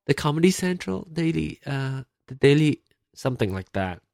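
With a gravelly, slightly mellow voice on the high side, this podcast host sounds very animated and speaks at a moderate pace. The Malaysian-born man in his thirties rambles through his casual solo show, self-correcting and filling gaps with fillers. Recorded on a desk mic with in-ear headphones, it's studio quality with no echo.

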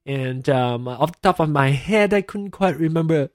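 A man's voice: fairly high pitch, lively intonation, moderate pace, no room sound, studio quality. A man in his thirties from Malaysia hosting a casual solo podcast from a home computer, rambling and giggly with many fillers. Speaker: podcast host.

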